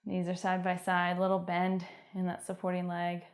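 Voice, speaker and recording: A young woman with a Canadian accent guiding a home workout, giving encouraging cues and calm stretching instructions. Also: on the low side, moderate pace. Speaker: fitness instructor.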